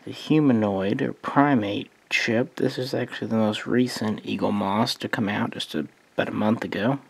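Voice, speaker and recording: A man giving a relaxed, meandering spoken overview of his collection of model starships, thinking aloud as he goes. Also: on the low side, normal speed, vocal fry, husky, no room sound. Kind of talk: casual hobby overview.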